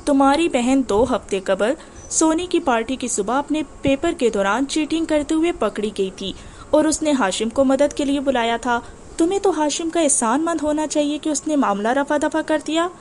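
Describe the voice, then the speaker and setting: A woman's voice: high voice, expressive, a little mellow, slight background noise. A woman doing a haughty, scornful lady.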